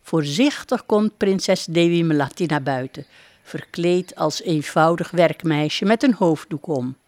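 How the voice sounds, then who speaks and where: Slow calm woman reading a story. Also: sits low, no echo, studio quality. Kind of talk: storybook narration.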